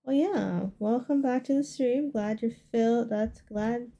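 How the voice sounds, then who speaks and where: Her voice is warm, a little high, and a little slow as this woman livestreamer casually chats with viewers and often repeats short phrases. Game music plays in the background.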